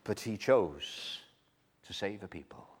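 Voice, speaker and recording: Speaking slowly into the pulpit mic, a man delivers an earnest evening sermon in a slightly rough, animated voice. He builds to loud, emphatic peaks before sinking back down low.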